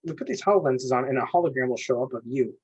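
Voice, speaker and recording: An eager man rambles through a casual podcast chat at a rapid clip, restarting his sentences as he goes. His voice is husky, and the recording sounds dull and lo-fi. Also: medium pitch, lively intonation. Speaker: podcast co-host.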